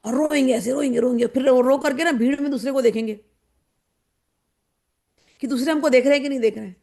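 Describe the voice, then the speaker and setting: A woman spiritual teacher giving a devotional discourse, wry and animated, who acts out the people she describes. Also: high voice, quick pace, vocal fry. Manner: wry, mocking.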